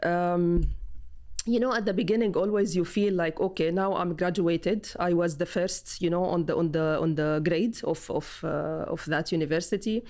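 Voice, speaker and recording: Hesitant woman from Palestine, lowish voice. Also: steady tone, moderate pace, a little mellow. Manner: hesitant, many fillers and restarts. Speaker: guest. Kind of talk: casual interview chat.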